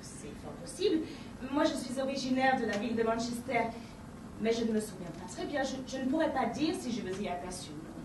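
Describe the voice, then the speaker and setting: A woman playing a prim English wife, high-voiced and politely baffled, each line measured and formal. She is caught from across an echoey stage, with steady noise behind her. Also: recorded from a distance, natural voice. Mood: wondering. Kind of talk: amateur stage acting. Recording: echoey stage from afar, noisy.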